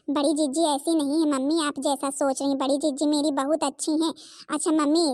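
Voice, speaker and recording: A woman voicing a loyal younger daughter-in-law who calms her mother and defends her sister-in-law in a Hindi cartoon. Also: sits high, natural voice. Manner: soothing, reassuring.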